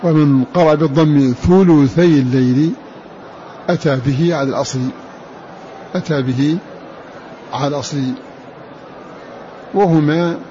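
Man teaching Quranic readings, slow and deliberate. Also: fairly high pitch, mellow, dull audio, a little hiss or hum. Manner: slow and deliberate, repeats words, drawn-out chanting of verse lines. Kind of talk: explaining and chanting verses of a poem.

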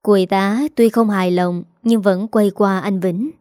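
Woman narrating a story in a mellow voice. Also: medium pitch, steady tone, measured pace, dry recording, studio quality.

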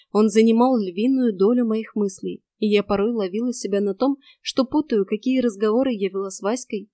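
A woman narrating a first-person fantasy audiobook in a steady, expressive reading. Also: on the high side, dry recording, clean studio sound.

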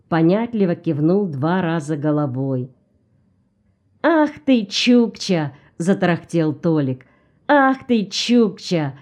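A woman reading a novel aloud as narrator in a slow, even storytelling voice. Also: lowish voice. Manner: slow, even storytelling, lifting her voice for excited characters.

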